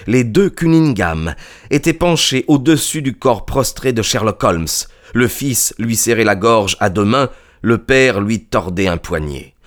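A man reading a classic mystery aloud in measured, steady narration. His voice sits fairly low, and the pacing is calm and even. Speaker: audiobook reader. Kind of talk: literary audiobook narration.

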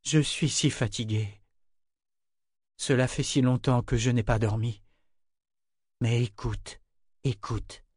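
A drunk and worn-out grown man, as a male narrator puts him on, pleading in a slow, slurred drawl. The voice is pushed higher than the reader's own and rises as he begs. Recorded close and dry, with no room sound. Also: fairly even intonation, a little mellow, breathy edge, no room sound. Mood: weary pleading.

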